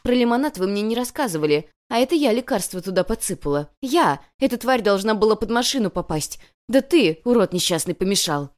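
A woman's voice: medium pitch, lively intonation, fairly quick, few pauses, pitched above the performer's own voice, lightly acted. A woman reading the part of a furious, jealous teenage girl who screams her words. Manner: shrieking, vengeful.

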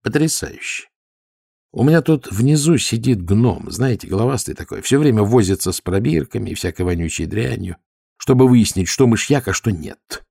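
A man's voice: on the low side, animated, normal speed, vocal fry, warm tone, breathy edge, dry recording, studio quality, full character voice. A man voicing a tough, sardonic male watch commander who barks and mocks with feigned politeness. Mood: mock-innocent. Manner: barking, sarcastic.

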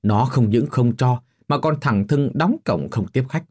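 A man's voice: mid-range voice, unhurried, a little mellow, breathy edge. A man voicing a rude, hot-tempered grown son who snaps at his mother with contempt, in a storybook reading. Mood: irritated. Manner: snapping, contemptuous. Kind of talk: storybook narration with voiced characters.

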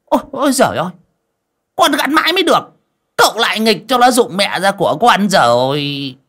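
A man's voice: huge pitch swings, normal speed, fairly bright tone, breathy edge, full character voice. A man voicing a jittery, cowardly old coffin maker who stammers and whines. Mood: wailing. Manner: stammering, shrill when panicked.

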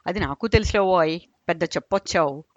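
A woman voicing an elderly father who grumbles loudly and argues with his son about prices. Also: high voice, fairly quick, no echo, lo-fi sound. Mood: argumentative. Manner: grumbling, argumentative.

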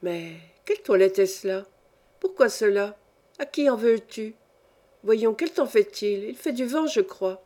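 A woman's voice: medium pitch, expressive, unhurried, warm tone, close to an everyday voice. A woman reading a story aloud, voicing an imperious, capricious old countess who scolds and gives orders in a peevish, querulous way.

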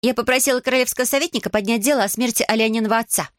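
A woman's voice: fairly high pitch, rapid-fire, dry recording, clean studio sound, voice pushed up, natural voice. A woman voicing a bold, cheeky young sorceress with a wand, speaking confidently, read for an audiobook. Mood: cocky.

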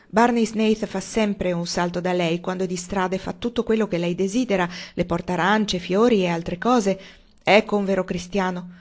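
A woman reading aloud as a loud, gruff, hard-drinking old man who blusters and scoffs. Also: close to an everyday voice. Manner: booming and blustering.

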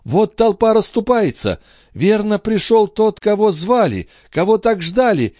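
A man's voice: animated, moderate pace, a little mellow, no echo, clean studio sound, close to an everyday voice. A man voicing a frantic entranced mother who cries out what she sees, in an audiobook. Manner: shrill, breathless, crying out. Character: frantic entranced mother, a woman seeing visions. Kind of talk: audiobook dialogue acting.

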